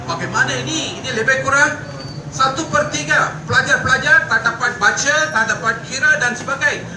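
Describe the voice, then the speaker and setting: A man's voice: very high-pitched, fairly quick. An older man with a Malaysian accent gives an earnest, emphatic political rally speech. He repeats his points and stops on fillers between them. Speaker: rally speaker. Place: outdoor night rally by a street. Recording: echoey PA sound from far off with traffic noise.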